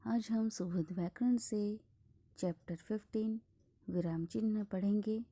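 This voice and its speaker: A woman teaching a school grammar lesson, explaining slowly and deliberately, with many phrases dropping into a breathy half-whisper. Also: mid-range voice, dark tone.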